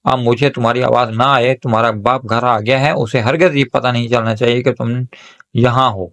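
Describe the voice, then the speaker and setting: A stern middle-aged mother scolds her daughters with sharp, angry words in a spoken story, voiced by a male reader. The voice sits at an everyday middle pitch. It sounds much like the reader's own voice. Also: steady tone, natural voice. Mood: scolding.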